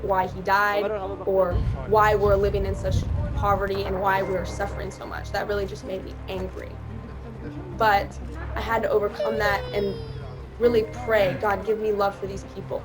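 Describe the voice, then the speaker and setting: A nineteen-year-old woman earnestly telling about her aid work in a reflective interview. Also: mid-range voice. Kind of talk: personal testimony. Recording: music bed clearly under voice.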